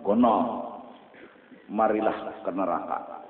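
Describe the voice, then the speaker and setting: Man, Banjar accent, slow sermon, long hall reverb, phone-like sound. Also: lowish voice. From South Kalimantan, Indonesia. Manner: mixes Arabic quotes with local speech, chants call to prayer. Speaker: preacher. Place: mosque prayer hall. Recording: echoey hall over a tinny, noisy line.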